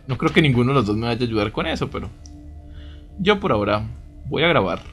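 A man doing casual let's play commentary, chatty, reading game dialogue aloud and reacting with exclamations and asides. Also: mid-range voice. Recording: music behind the voice. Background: game music.

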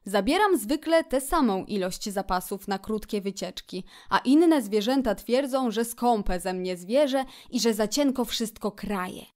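A woman voicing a genial male water rat in a storybook reading, speaking in a grand, unhurried way and savoring each word. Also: mid-range voice, expressive, darkish tone, lightly acted. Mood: matter-of-fact. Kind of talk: audiobook character voice.

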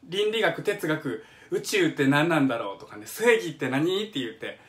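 A man's voice: a little high, lively intonation, normal speed, fairly bright tone. A middle-aged man with a Kansai accent, eagerly explaining music on a live stream from his home kitchen and reading out viewer comments. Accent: Kansai Japanese. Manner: eager, chatty explainer who hums examples and reads out viewer comments. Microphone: phone or webcam on a live stream.

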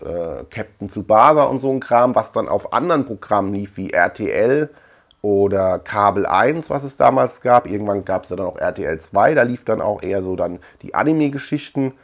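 Surrounded by shelves in a small room, a man in his thirties talks through his collector vlog in a loose, chatty, wandering way, thinking aloud. His fairly low voice has lively intonation and a measured pace.

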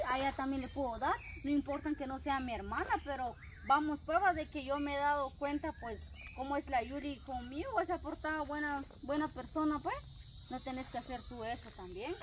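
A woman's voice: sits high, close to an everyday voice. A woman playing a caring young woman who earnestly scolds and coaxes in an amateur drama. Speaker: actress in a family web drama. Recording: outdoor noise, crickets behind.

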